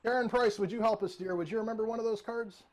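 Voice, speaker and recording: A man's voice: sits high, fairly even intonation, quick pace, a little mellow, low-quality recording. A middle-aged man performing jokey, interactive mind-reading magic patter as a showman, addressing participants by name. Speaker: virtual magician and mentalist. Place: indoor room with bookshelves, video call.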